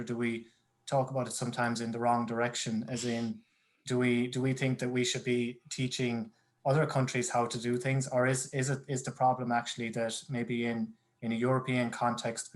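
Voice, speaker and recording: A man moderating a conference panel over a video call, musing aloud and restarting his sentences as he frames a question. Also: mid-range voice. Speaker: panel moderator, project member.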